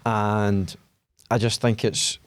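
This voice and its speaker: A man's voice: on the low side, level tone, slow pace, slight background noise. A man co-hosting a podcast, chatting casually, laughing often and restarting his sentences. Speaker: podcast co-host. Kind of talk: casual chat.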